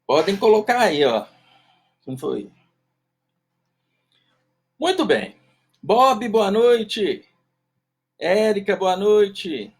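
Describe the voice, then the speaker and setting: A man's voice: high voice, very animated, extremely slow, long pauses, slightly rough. A man with a nasal, duck-like voice hosting a live-stream class in a casual, chatty way, greeting viewers by name. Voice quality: nasal, self-described duck-like voice. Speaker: live-stream host teaching self-knowledge.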